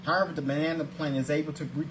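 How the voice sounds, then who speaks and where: Talking very fast in a fairly high, steady voice, a man in his forties reads aloud from his casual scripted vlog, the daily video show he hosts. He often repeats and restarts words, opens with earnest religious greetings, and the background is noisy.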